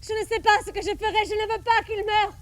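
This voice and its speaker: A woman's voice: very high-pitched, steady tone, quick pace. A woman on an outdoor stage playing a peasant mother screaming desperately for help as her children are trapped. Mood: frantic screaming.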